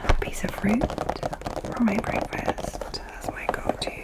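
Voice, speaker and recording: A woman chatting informally in a soft, breathy ASMR whisper, gentle and rambling, close to the microphone. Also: a little slow, rough recording. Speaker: ASMR video host.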